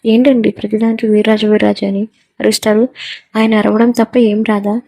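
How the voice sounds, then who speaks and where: A man's voice: high-pitched, little pitch movement, brisk, vocal fry, a little mellow, dry recording. A woman reading a sneering village scoundrel. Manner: crooked, mocking. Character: sneering male village scoundrel, middle-aged.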